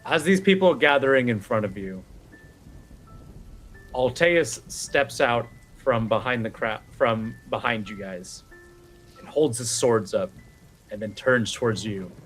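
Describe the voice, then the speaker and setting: A man narrating a tabletop game as game master, slow and dramatic, easily moved to emotion. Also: mid-range voice, animated, a bit bright, faint music behind, rough recording.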